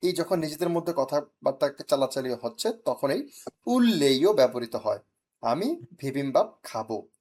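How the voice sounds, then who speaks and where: A man teaching Korean, correcting a student's reading and drilling words slowly syllable by syllable, with some teasing. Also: on the high side, very animated, a little mellow, husky.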